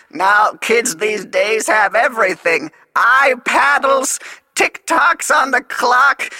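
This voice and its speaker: A woman playing a rambling, hard-of-hearing old man who shouts and grumbles as a kids' podcast co-host. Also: high-pitched, no room sound, exaggerated voice. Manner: shouty, grumbling, easily distracted. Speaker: morning show co-host. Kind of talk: kids' podcast character comedy.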